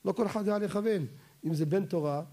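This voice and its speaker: A man gives a Torah lecture on religious law in a voice that's slightly high for a man but mellow and warm. He repeatedly asks his listeners questions and then answers them himself.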